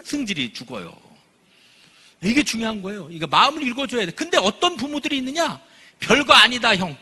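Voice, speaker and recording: A middle-aged man lecturing parents in a church hall, his high, very bright voice swinging widely as he tells stories. He acts out the people he quotes with a slightly husky edge. Long reverb from the hall trails after his words. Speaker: professor giving a parenting lecture. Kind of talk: lively lecture with storytelling.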